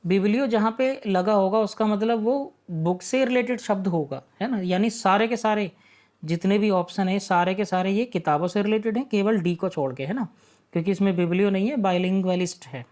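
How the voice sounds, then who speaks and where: A man's voice: sits high, brisk, darkish tone. Man, teacher, online exam-prep lesson, patient explanations, rhetorical questions, frequent check-ins.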